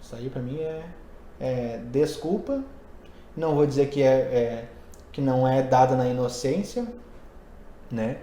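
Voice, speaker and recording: A man's voice: mid-range voice, measured pace, long pauses, dark tone. A man who teaches English and Portuguese, hosting a casual podcast and explaining ideas conversationally while thinking aloud. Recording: roomy echo.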